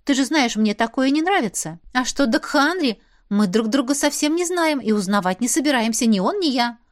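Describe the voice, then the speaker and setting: A woman with a high voice, raised above her own pitch, speaks at normal speed with lively intonation. She voices a young, hot-tempered, defensive heroine who talks heatedly and indignantly.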